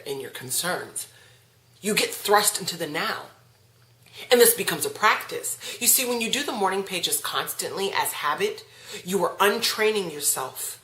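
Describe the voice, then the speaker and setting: A woman's voice: on the low side, a bit bright, echoey room, low-quality recording. A woman leading a self-help class, speaking emphatically and often asking rhetorical questions. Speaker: class teacher. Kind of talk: spoken self-help lesson.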